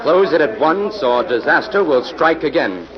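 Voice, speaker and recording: In a 1940s radio drama, a man with a fairly high, sing-song voice plays a calm, determined investigator working with police. He speaks at a moderate pace in a grave mood, composed, probing, and businesslike. The old recording is muffled and noisy, with crowd noise.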